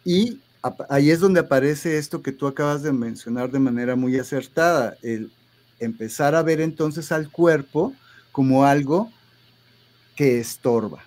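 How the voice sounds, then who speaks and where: A man's voice: mid-range voice, a little slow, a little mellow. A man, a therapist guest in an interview, explaining ideas with hesitant restarts and frequent tag questions.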